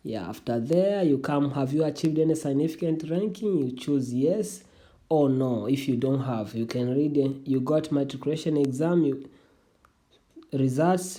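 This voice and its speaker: A young native Swahili speaker with a very dark, mid-range voice gives a casual screen walkthrough of an online application as a tutorial vlogger. The delivery is halting, with frequent restarts, and viewers are called "family."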